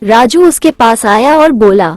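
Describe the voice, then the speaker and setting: A woman narrating a cartoon moral story in a steady, measured way. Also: fairly high pitch, no echo, soft background music.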